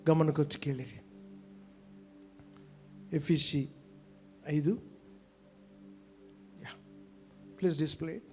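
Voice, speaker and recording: An older male pastor, preaching a sermon in a church. He asks the congregation questions and swings between emphatic and hushed delivery. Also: on the high side, very slow, long pauses, faint music behind.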